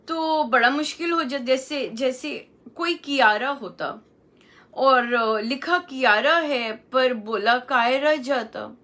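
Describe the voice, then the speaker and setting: A middle-aged woman giving a devotional talk on pronouncing chants, repeating each word slowly and mixing English words into her Hindi. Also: high voice, fairly bright tone. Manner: slow, repeats words carefully for pronunciation. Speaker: satsang speaker. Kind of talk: devotional teaching on chanting pronunciation.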